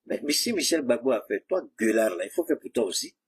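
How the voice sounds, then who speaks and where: A man with a husky, slightly breathy voice holds forth in a long monologue. He mocks and challenges the people he talks about, turning to address them directly. The pitch sits in an ordinary middle range. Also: very animated, brisk. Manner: mocking, combative, addresses rivals directly. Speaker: political commentator. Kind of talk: heated monologue commentary.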